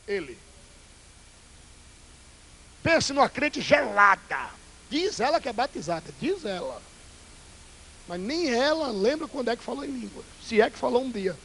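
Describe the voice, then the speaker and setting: A male Pentecostal pastor, preaching a fiery, theatrical sermon that swings between loud bursts and hushed asides. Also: extremely high pitch, vocal fry, slightly rough, poor audio. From Brazil.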